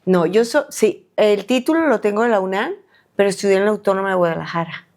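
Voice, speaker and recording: A middle-aged Colombian doctor, interviewed as a guest on a podcast, speaks haltingly with many fillers and restarts. Her voice is mid-range and a little mellow.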